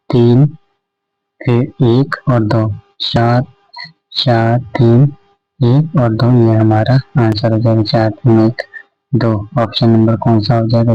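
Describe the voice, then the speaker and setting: A man's voice: mid-range voice, no echo, muffled recording. A male tutor walks through exam practice questions in a conversational way, often checking in with tag questions.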